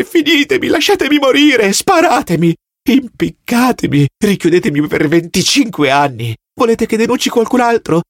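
A man's voice: a bit bright, no room sound, studio quality, heavily acted. A man voicing a terrified, starving male prisoner who begs and screams for mercy in an audiobook reading. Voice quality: shrill pleading cries.

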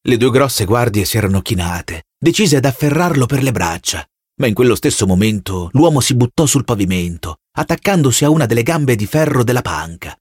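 A man reading a novel aloud as an audiobook narrator, measured and expressive. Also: medium pitch, slightly rough, dry recording, studio quality. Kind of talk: scripted narration.

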